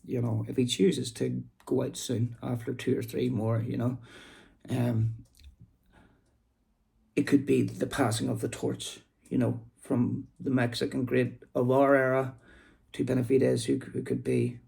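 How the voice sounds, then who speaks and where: With a warm, creaky, medium-pitched voice and measured pace, a Northern Irish man from Belfast rambles casually to camera. He's a boxing vlog host, chatting informally into his phone.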